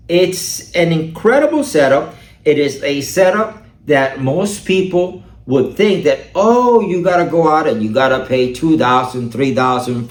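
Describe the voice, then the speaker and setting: A man's voice: mid-range voice, roomy sound. A man vlogging about his camera gear in a casual, chatty way, often asking "all right?", recorded on a camera-mounted shotgun mic. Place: outdoors or a room, filmed by his wife.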